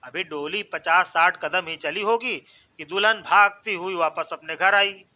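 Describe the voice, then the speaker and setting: A man narrating a string of short jokes in a measured storytelling voice, voicing each character himself. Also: sits high, pushed and bright. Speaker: joke narrator. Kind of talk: scripted joke narration.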